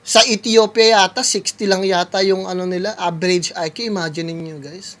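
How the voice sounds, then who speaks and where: Bright-voiced man rambling to viewers. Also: sits high, steady tone, normal speed. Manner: rambling, full of fillers, keeps addressing viewers as guys. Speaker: music producer reacting to a video. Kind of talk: casual reaction commentary. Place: California.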